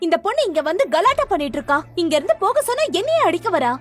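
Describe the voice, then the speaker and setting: Dub casting: bossy, sneering rich girl villain, very high and lively. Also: quick pace, faint music behind. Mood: scornful. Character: spiteful young rich woman, villainess. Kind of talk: dubbed drama.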